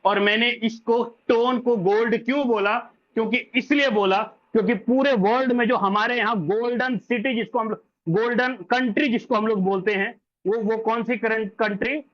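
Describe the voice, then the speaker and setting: A man giving a pushy, repetitive sales pitch in a live online meeting, calling listeners brother and sir. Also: fairly even intonation, moderate pace, dull audio. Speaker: crypto scheme presenter.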